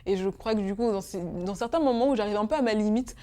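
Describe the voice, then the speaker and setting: A young woman in her twenties from Congo appears as a guest in an emotional interview, speaking hesitantly with many fillers and restarts. Her voice is medium-pitched, fast, and dark in tone.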